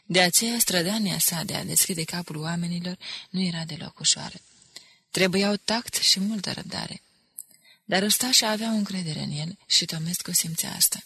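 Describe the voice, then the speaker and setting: A woman reading a novel aloud in measured scripted narration. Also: fairly low pitch, creaky, sharp tone, breathy edge, no echo. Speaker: audiobook reader.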